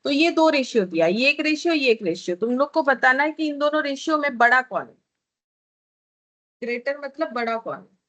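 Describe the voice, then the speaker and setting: A woman's voice: high voice, expressive, moderate pace, fairly bright tone, low-quality recording. A woman teacher explaining a math lesson step by step, checking in with the class often.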